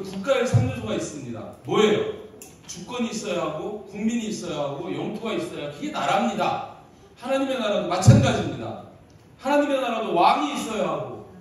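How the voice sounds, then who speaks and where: High, animated preaching man in an echoey hall. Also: distant mic, a little hiss or hum. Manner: storytelling, often asking the congregation for replies. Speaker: pastor. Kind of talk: sermon. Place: church sanctuary.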